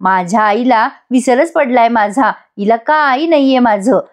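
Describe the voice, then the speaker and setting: A woman's voice: a little high, measured pace, lightly acted. A woman voicing a teasing young wife who bickers with her husband and mother. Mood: bickering. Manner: bickering, sarcastic retorts.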